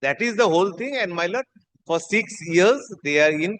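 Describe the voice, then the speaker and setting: Very rapid Bengali Indian male lawyer. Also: high voice, lively intonation, a bit bright, a little hiss or hum. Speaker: lawyer addressing the bench. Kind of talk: deferential courtroom submissions. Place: indoor courtroom.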